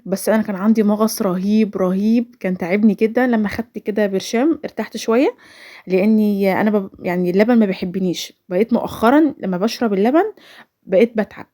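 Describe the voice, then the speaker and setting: In a mellow, mid-range voice at a quick pace, an Egyptian Arabic–accented vlogger in her twenties rambles through a personal story in voice-over, frequently starting her sentences over.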